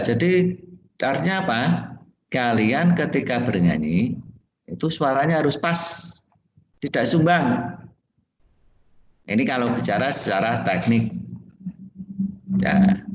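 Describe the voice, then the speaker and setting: A man's voice: mid-range voice, slight background noise. A male music teacher from Indonesia giving a classroom lesson, explaining plainly, sometimes singing solfège notes and asking the class questions. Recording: dull echoey classroom recording.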